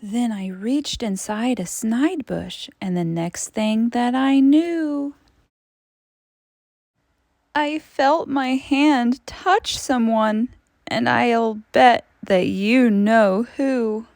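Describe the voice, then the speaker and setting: A woman teacher reading a storybook aloud to children, expressively, with dramatic emphasis and suspenseful drawn-out phrases. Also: on the high side, creaky, a little mellow, dry recording, clean studio sound.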